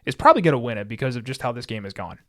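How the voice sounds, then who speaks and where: Male podcast co-host, rapid casual sports chatter, rambling delivery. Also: medium pitch, animated, fairly bright tone. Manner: rambling, repeats himself when worked up.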